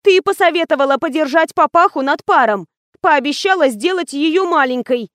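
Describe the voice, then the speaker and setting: Woman doing a snappy, high-pitched coworker. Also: animated, normal speed, fairly bright tone, dry recording, studio quality. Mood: sarcastic. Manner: snappy, scolding. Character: brash, irritable young woman office worker.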